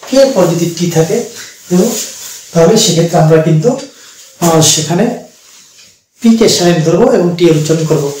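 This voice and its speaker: A man teaching an English pronunciation lesson, explaining slowly and repeating each word. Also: on the high side, dark tone, heavy reverb, far from the mic, a little hiss or hum, poor audio. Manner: slow, repetitive explaining with fillers.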